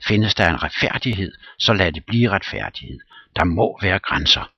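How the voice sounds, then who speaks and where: A man reading a play aloud and voicing a loud, blustering, quarrelsome landowner. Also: low-pitched, animated, husky, dry recording, muffled recording, pitched above the performer's own voice.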